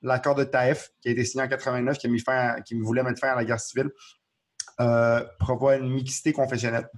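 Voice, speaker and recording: A man's voice: mid-range voice, level tone, fast talker. A man with a Quebec French accent explaining the news in an earnest, casual discussion, often restarting his sentences. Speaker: podcast co-host. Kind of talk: casual current-affairs discussion.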